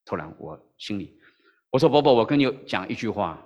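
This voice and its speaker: Lo-fi sound captures a brisk, lowish-voiced man preaching in a large hall. The pastor follows a Mandarin church style, narrating a story, acting out the voices with animation, and often asking listeners "OK?"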